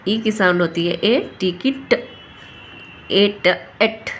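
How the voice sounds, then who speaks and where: A woman's voice: mid-range voice, takes it slowly, a bit bright, a little hiss or hum. A woman teaching a phonics lesson, patiently sounding out each letter. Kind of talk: phonics lesson for parents and children.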